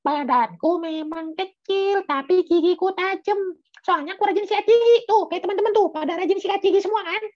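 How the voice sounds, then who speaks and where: A woman voicing a small, brave, chatty mouse in a children's story, full of quick exclamations, over video call audio. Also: very high-pitched, a little mellow, lo-fi sound. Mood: cheerful.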